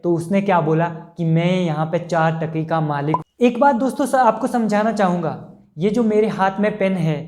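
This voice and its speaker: A man's voice: sits high, warm tone. Man giving a motivational talk. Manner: rhetorical questions, repeats key lines, often says "friends"; slows down for emphasis on sayings. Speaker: motivational speaker and business consultant.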